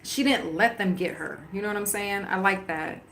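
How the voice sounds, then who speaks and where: A woman's voice: medium pitch, normal speed, vocal fry, a bit bright, reverberant, slight background noise. A woman in casual chat while watching a movie, rambling and filling her talk with "like" and "you know". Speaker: livestream host.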